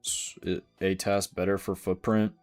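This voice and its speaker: Low-voiced man explaining trading charts. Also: little pitch movement, normal speed, a little mellow, clean tone, faint music behind. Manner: casual, explanatory, repeats points, reads chat questions. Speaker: day trader streaming live. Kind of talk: live trading stream, explaining charts and answering chat.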